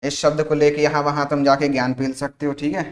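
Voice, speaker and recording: Higher-voiced man teaching in an echoey room. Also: level tone, quick pace. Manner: explains step by step, repeats "ठीक है", asks then answers his own questions; jokes with students, calls them "भाई साहब". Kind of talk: exam-prep science lecture.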